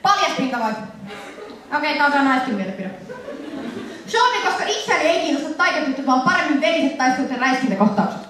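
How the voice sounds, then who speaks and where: A young Finnish woman presenting a lively convention panel to an audience, laughing and acting out scenes in funny voices. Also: sits high, crowd noise. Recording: echoey hall, voice from far off, faint noise.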